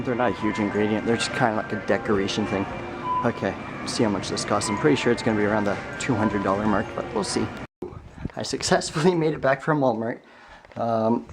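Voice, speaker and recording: A young man talking casually to his camera while shopping and baking, joking and laughing as he goes. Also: medium pitch. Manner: chatty and joking, laughs often. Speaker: vlogger. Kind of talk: casual vlog chat. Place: home kitchen and a store.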